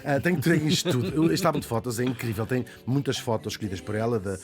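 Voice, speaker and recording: A Portuguese radio columnist with a mid-range male voice races through a lively radio biography, laughing and throwing in asides. Quiet music runs under the studio conversation.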